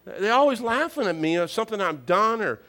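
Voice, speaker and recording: A man's voice: high voice, lively intonation, fairly quick, sharp tone. A middle-aged man preaching a sermon, telling folksy, humorous family stories and repeating key phrases for emphasis. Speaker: pastor.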